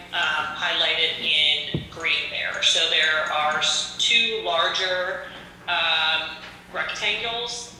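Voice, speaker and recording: A woman giving a business presentation over a speakerphone into a meeting room, halting, with many fillers. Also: fairly low pitch, bright, forceful tone, a little hiss or hum. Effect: heard over a speakerphone in the meeting room. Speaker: remote presenter for a company. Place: remote location, heard through a room speaker. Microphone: phone on speakerphone. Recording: speakerphone played into an echoey meeting hall.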